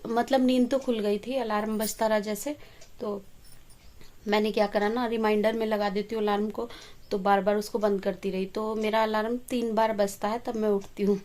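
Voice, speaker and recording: A woman chatting casually in a home vlog, telling rambling stories about her day, at times speaking softly so as not to wake her family. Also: mid-range voice. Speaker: vlogger.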